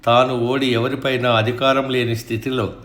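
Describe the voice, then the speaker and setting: A man's voice: mid-range voice, little pitch movement, normal speed, fairly bright tone, roomy sound, natural voice. A man voicing a wise, pained older counselor who rebukes a prince, in a storybook reading.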